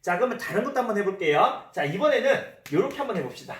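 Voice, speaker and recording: A man's voice: high voice, very animated, fast talker, slight background noise. A man teaching a math lesson in a classroom, repeating key terms and asking the class questions. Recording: roomy echo, voice from a distance.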